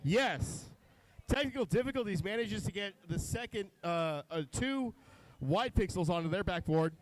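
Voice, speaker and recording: At a live robotics competition, a man with a notably high, expressive voice commentates on a match, explaining rules and wiring in technical detail. He often pauses on fillers mid-sentence, and the audio is poor.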